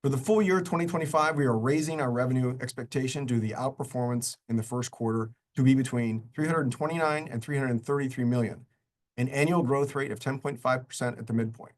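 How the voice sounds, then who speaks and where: In a formal, measured delivery, a man with a mid-pitched voice reads a scripted quarterly earnings presentation. He is a company finance executive speaking to investors in a businesslike way.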